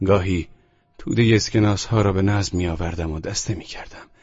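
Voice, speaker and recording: A man narrating a novel in the first person, measured and dramatic. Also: sits low, darkish tone, breathy edge, dry recording. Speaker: audiobook narrator. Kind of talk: scripted literary narration. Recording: muffled lo-fi recording.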